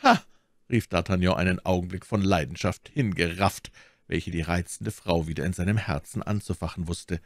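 A man reading a classic novel aloud as an audiobook, expressive in his narration. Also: low voice, moderate pace, dry recording, studio quality. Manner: expressive storytelling. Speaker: audiobook reader.

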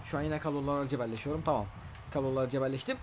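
A young man with a sore throat doing casual, excitable let's-play commentary, trash-talking his opponent and bursting into loud shouts. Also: medium pitch, rapid-fire, crowd noise. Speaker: gaming channel host.

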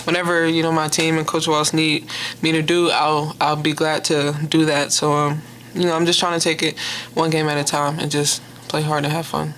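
A woman's voice: low voice, level tone, moderate pace, fairly bright tone, a little hiss or hum. A young woman who plays college basketball, answering postgame questions into a table mic in an easygoing way, full of "you know" and "um". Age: young adult. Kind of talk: postgame press conference answers. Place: press room in front of a sponsor backdrop. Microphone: table mic on a stand.

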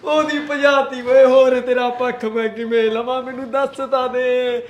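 A man with a Punjabi accent acting a henpecked husband who pleads and tries to calm his wife in a comedy short film. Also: very high-pitched, moderate pace, echoey room. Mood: placating. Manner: pleading, placating.

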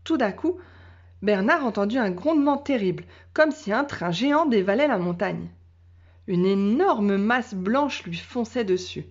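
A woman teacher reading a children's storybook aloud in a calm, measured way. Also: mid-range voice. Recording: dull lo-fi sound.

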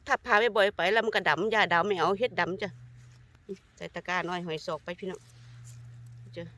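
An older Thai woman with an Isan accent, narrating a casual foraging vlog in a forest and chatting warmly to her viewers. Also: mid-range voice, a little hiss or hum. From Thailand. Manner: chatty, warmly addresses viewers as kin, sweet polite endings. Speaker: vlogger. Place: forest outdoors.

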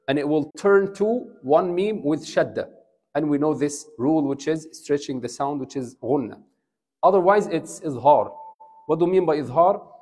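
A man's voice: a little high, a little mellow. A man with an Egyptian accent, an imam giving a classroom lecture on recitation, explaining step by step, checking in with his students and switching between Arabic and English. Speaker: imam teaching Quran recitation.

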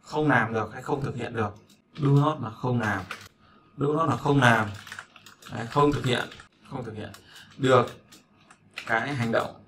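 A man's voice: mid-range voice, a little slow, pauses often, fairly bright tone, a little hiss or hum. A man from Vietnam, teaching English in a chatty way, repeating words and checking that learners follow. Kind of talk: casual spoken lesson.

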